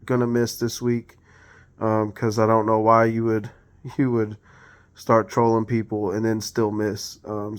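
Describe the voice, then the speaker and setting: A man's voice: medium pitch, clean tone. A man giving a casual, unscripted sports league recap, rambling with lots of ums and uhs and correcting himself as he goes. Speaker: fantasy football league recap host.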